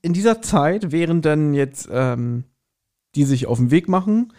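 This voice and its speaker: A podcast co-host casually recaps an audio drama, animatedly retelling the story and acting out bits of its dialogue. He speaks at a measured pace with a fairly high-pitched voice.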